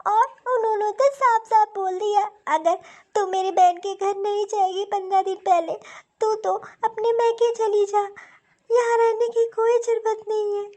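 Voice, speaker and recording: A woman's voice: extremely high pitch, steady tone, normal speed, warm tone. A woman voicing a wronged young daughter-in-law in a cartoon story, plaintive and complaining. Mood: aggrieved. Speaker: cartoon voice actor.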